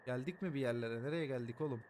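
A man's voice: medium pitch, fast talker, darkish tone, a little hiss or hum. A man streaming a game live, joking around, swearing often and thanking his viewers by name. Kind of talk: live gameplay commentary.

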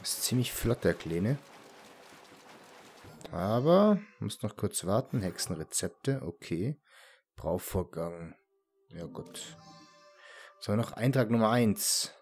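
A man casually commenting on his gameplay as a let's play host, relaxed and often muttering asides to himself. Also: fairly low pitch, slow pace, pauses often, faint music behind.

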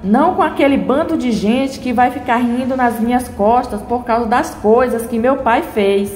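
Woman reading pleading indecisive groom, high voice, echoey room, faint music. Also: moderate pace, a little mellow, a little hiss or hum, natural voice.

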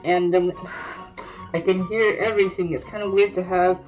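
A collector talks through the gas mask they are wearing, so the voice comes out muffled. They explain things loosely and informally, in a casual show-and-tell way, at an ordinary middle pitch. Faint music plays in the background. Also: fairly even intonation, normal speed.

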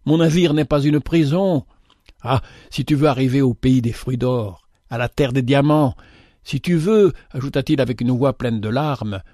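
A man playing a gentle stranger captain who urges others to sail with him, in an imploring manner. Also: mid-range voice, no echo, studio quality, close to an everyday voice. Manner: urgent, imploring. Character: pleading stranger, a gentle male ship captain.

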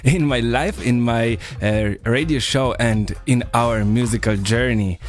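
A man's voice: mid-range voice, unhurried. A man hosting a casual radio interview with Rasta-style greetings and slang. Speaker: radio host. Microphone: studio microphone. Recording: music playing behind the voice.

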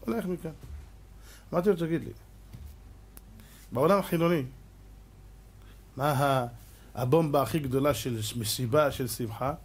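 A man, a rabbi, giving a lively religious lecture, firing rhetorical questions at his listeners and acting out little scenes with sound effects and mock voices. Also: medium pitch, pauses often, husky. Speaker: rabbi giving a Torah class.

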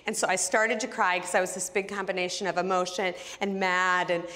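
A woman's voice: lowish voice, level tone, brisk, pushed and bright, long reverb tail. A woman teaching a Bible study who tells a personal story with animation and acts out the dialogue.

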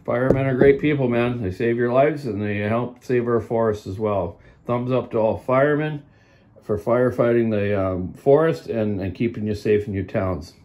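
A man's voice: mid-range voice, a little mellow. A man in his forties running a casual workshop vlog about chainsaw repair, rambling in a folksy way and calling viewers "man". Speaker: chainsaw repair shop owner. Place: small indoor repair workshop. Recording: echoey workshop room.

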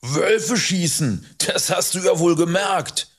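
A man reading an audiobook, voicing a gruff, scornful grown hunter who talks in a harsh, mocking way. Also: sits high, slow pace, pitched above the performer's own voice, heavily acted. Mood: sly. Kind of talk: audiobook character voice.

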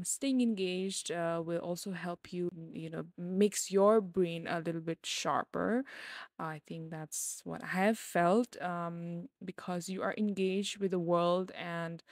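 Her voice sitting on the low side, a woman in her twenties rambles through her own casual podcast, full of filler words. She picks up energy as she talks, getting brighter and louder. The audio is clean studio sound without any room echo.

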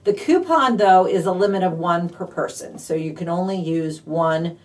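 A woman hosting a live-streamed couponing deals rundown, bubbly and excitable, with lots of fillers. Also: lowish voice, moderate pace, distant mic, slight background noise. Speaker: couponing show host.

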